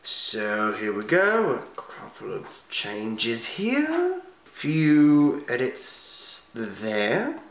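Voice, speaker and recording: A performer voicing an offscreen narrator who talks wryly to the audience, sighing and halting. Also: medium pitch, wildly swooping pitch, reverberant, exaggerated voice. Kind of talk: fourth-wall comic narration.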